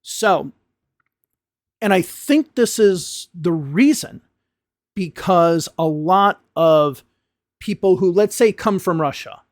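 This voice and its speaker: An American English teacher from the United States gives a frank, impassioned talking-head video lesson to his learners, stressing words emphatically. His voice sits high and is animated yet slow, with long pauses. The recording is studio quality with no echo.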